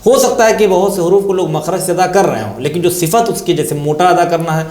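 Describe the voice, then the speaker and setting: A man with an Indian Urdu accent gives a religious lesson on tajweed, patiently repeating key terms and posing questions he then answers himself. His voice sits high with a darkish tone, and the sound is roomy.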